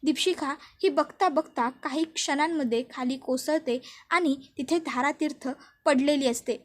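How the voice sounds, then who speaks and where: High-voiced woman recapping a serial. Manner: steady storytelling with many fillers. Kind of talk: voice-over episode recap.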